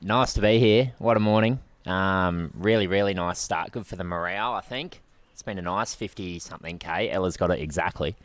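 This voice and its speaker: Deep-voiced young Australian man. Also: fairly quick, no room sound. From Adelaide, Australia. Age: 20s. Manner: upbeat, relaxed. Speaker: racing cyclist.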